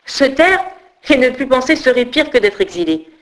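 A woman's voice: high voice, very animated, normal speed, rough recording. A woman voicing a proud, stubborn old male philosopher who grumbles and stands defiant. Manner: gruff, grumbling.

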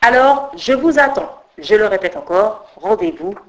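A woman hosting a story blog, reading a children's tale aloud with expressive, dramatic delivery. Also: mid-range voice, a little slow, poor audio. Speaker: host and storyteller. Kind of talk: storybook narration.

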